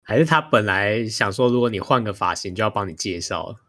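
A man's voice: fairly low pitch, animated, fast talker, sharp tone. A man, co-hosting a podcast in casual chat, teasing and joking. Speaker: podcast co-host.

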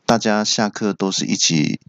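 A man from Taiwan, hosting a comedy podcast and telling self-mocking stories in a deadpan way. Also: lowish voice, moderate pace, clear, resonant tone, no room sound, dull audio. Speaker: podcast host. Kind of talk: comedy monologue.

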